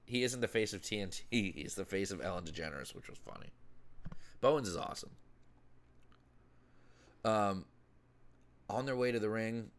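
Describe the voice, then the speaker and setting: A young man giving a casual, rambling review of a wrestling show, often correcting himself mid-sentence. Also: lowish voice. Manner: rambling, self-correcting, chatty.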